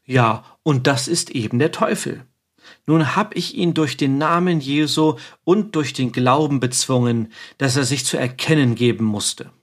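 A man's voice: mid-range voice, measured pace, lightly acted. A man voicing a stern priest exorcist who commands and scolds a demon in a preaching tone. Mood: coaxing.

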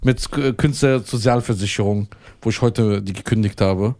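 A man co-hosting a podcast, chatting casually, warmly thankful and laughing easily. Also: lowish voice, normal speed. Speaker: podcast co-host.

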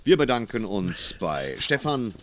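A man co-hosting a podcast in a deep, low voice. He speaks wryly and playfully. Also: sing-song, a little slow. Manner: wry, playful. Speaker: podcast co-host. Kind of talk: casual chat.

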